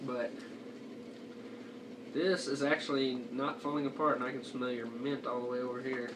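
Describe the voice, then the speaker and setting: A young amateur product reviewer chats through a casual review with a lip full of dip, his mid-range voice flat and at a normal speed. The home video mic is distant and noisy.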